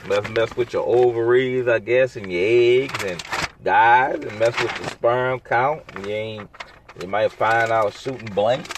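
A man's voice: mid-range voice, a little hiss or hum. A man hosting a solo podcast, rambling in a casual, sarcastic, blunt way full of slang. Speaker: podcast host.

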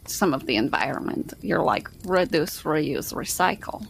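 A woman's voice: deep voice, expressive, unhurried, vocal fry, slight background noise, rough recording. A woman chatting casually and informally in character as a player in a tabletop game, often repeating words.

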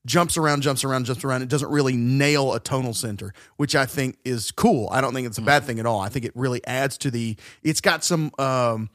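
A podcast co-host rambles through a song's music theory in casual music-analysis chat, with many fillers and restarts. His medium-pitched voice is a little fast with few pauses, captured in clean studio sound with no room sound.

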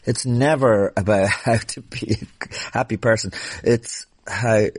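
A man's voice: on the low side, fairly even intonation, a little slow, slightly rough, no room sound. A man hosting a podcast, ranting in a blunt, profane, angry way. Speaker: podcast host. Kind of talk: casual rant and interview.

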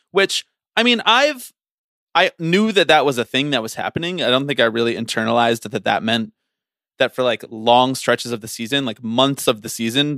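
A man's voice: medium pitch, dry recording, studio quality. A man co-hosting a podcast, chatting casually and ranting with teasing energy. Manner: animated, teasing, ranty. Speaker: podcast co-host.

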